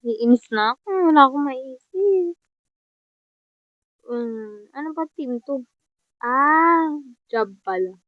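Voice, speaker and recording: Young Filipina gamer, high voice, slow teasing chatter, dull lo-fi dry mic. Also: female voice, animated, no room sound. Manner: chatty, teasing, talks to herself and viewers, laughs often. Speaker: gaming vlogger. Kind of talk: casual gameplay commentary. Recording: dull lo-fi sound.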